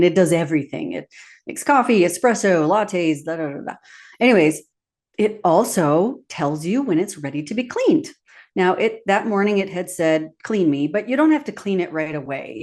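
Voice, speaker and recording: A woman's voice: lowish voice, darkish tone. A woman hosting a podcast who tells a personal story and laughs as she acts out her own quotes. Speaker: podcast host.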